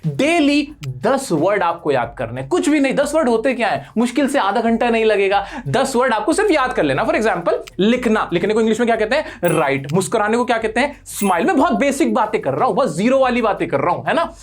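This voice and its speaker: A man's voice: sits high, big pitch swings, fairly quick. A man teaching a spoken language lesson, asking the viewer questions and answering them himself in an encouraging tone. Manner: encouraging, direct address to learners. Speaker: English teacher.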